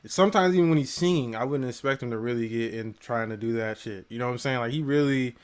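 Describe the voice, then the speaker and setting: A man co-hosting a casual music review show, talking in an animated way that swings between loud hype and quiet mumbled asides. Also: medium pitch, quick pace, smooth. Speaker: co-host of album review show.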